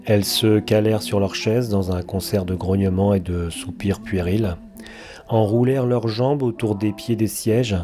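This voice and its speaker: A man reading a dark story aloud as the narrator, with a measured, deliberate delivery and long pauses. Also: on the low side. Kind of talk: dramatic audiobook story reading. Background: faint background music.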